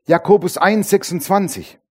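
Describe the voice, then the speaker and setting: A man's voice: high voice, moderate pace, breathy edge. A man preaching a sermon as pastor, acting out the voices of churchgoers and putting questions to the congregation. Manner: animated, acts out voices of churchgoers; calls on the congregation with tag questions.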